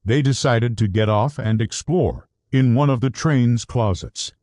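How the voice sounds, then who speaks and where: A man narrating a scripted children's adventure story in an animated storybook manner. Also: medium pitch, a little slow, no echo, studio quality.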